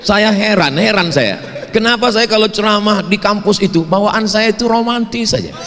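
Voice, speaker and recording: A man who is a preacher and university lecturer, giving a humorous sermon to students at an evening campus event and telling stories with lively asides. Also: sits high, normal speed, background noise. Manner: jokey storytelling with lively asides. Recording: long hall reverb.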